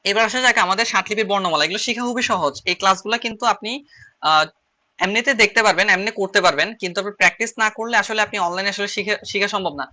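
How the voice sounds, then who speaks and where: Fast, bright-voiced male shorthand teacher. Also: high voice. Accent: Chittagong Bengali. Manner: repeats phrases while writing on slides. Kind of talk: online class lecture.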